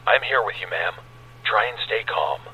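An actor playing a male emergency dispatcher who speaks in a steady, reassuring way. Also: lowish voice, moderate pace, slight background noise, low-quality recording. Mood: calm.

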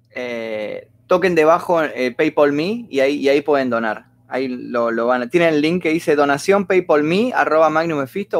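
A man with an Argentine accent hosts a casual livestream, rambling, reading viewers' stories aloud and thanking donors at length. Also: fairly high pitch. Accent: Argentine Spanish. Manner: reads viewer messages aloud.

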